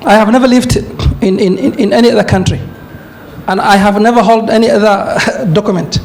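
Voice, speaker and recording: A man from Somalia speaks with a Somali accent and a strikingly high voice. He gives a conference talk like a lecturer, making emphatic points and slipping between English and Somali. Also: steady tone, a little fast, a little mellow, a little hiss or hum. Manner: emphatic lecturing, with asides and chuckles. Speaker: forum speaker, university lecturer.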